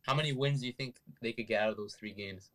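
A man's voice: fairly low pitch, fast talker, fairly bright tone. Slangy man in casual sports banter.

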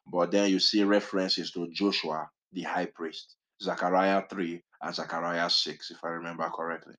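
A man's voice: low-pitched, level tone, moderate pace, a bit bright. A man giving an informal Bible teaching in a conversational, self-correcting way.

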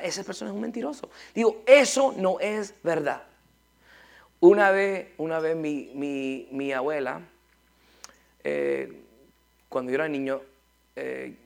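A man preaching a sermon. He is animated, repeats words and asks rhetorical questions. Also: medium pitch, vocal fry.

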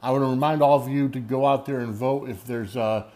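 A man's voice: medium pitch, fairly even intonation, darkish tone. American man hosting a rambling solo podcast. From United States. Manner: rambling, halting, often searching for words. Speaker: podcast host. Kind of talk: unscripted solo podcast monologue.

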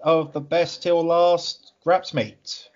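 A man's voice: fairly high pitch, little pitch movement, slow, muffled recording. A British man hosting a podcast, asking loose, hesitant questions full of asides. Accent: British English. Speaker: podcast host. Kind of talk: casual chat.

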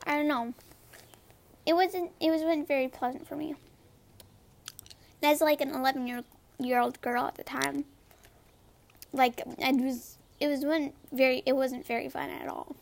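A young woman with a high girlish voice, chatting casually about gaming, rambling with many fillers and repeated words. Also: steady tone, unhurried, vocal fry, pauses often. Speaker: gamer vlogger. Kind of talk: casual chat to camera.

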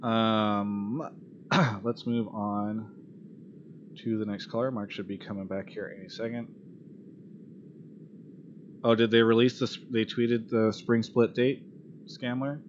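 The host of this esports call-in show has a lowish voice and a steady tone, taking it slowly and pausing often. He's casual and blunt in the live chat, swearing a bit and showing exasperation. Background noise is clear in the dull, lo-fi audio.

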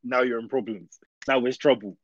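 A man's voice: mid-range voice, fairly even intonation, moderate pace, dry recording, muffled recording. A young man with a London accent, bantering casually in urban street slang as a podcast co-host and insistently repeating his phrases. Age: young adult.

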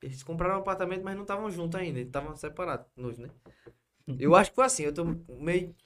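Talking fast in a high voice over slight background noise, the young Brazilian guest rambles energetically through a long story on the podcast, peppering his lines with asides like "né?" and "pô."

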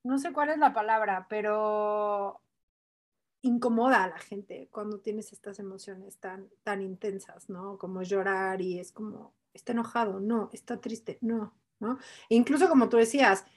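A woman podcast host, talking in a chatty, animated way and thinking aloud as she asks her guest a question. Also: mid-range voice, a little slow. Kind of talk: casual chat.

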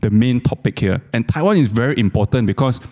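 A man's voice: medium pitch, lively intonation, fast, mellow. A man co-hosting a talk, explaining things in a casual conversational way.

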